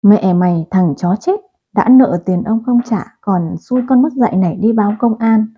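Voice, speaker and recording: A woman's voice: medium pitch, moderate pace, slightly rough, lightly acted. A woman voicing a brutal male loan-shark gang boss who hurls crude, abusive threats in a storybook reading. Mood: menacing. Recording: tinny phone-like audio.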